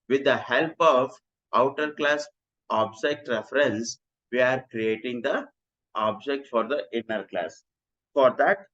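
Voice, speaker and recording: A man with a mid-range voice teaches programming in a recorded lecture, laying things out step by step and repeating lines often in a steady manner. The sound is muffled.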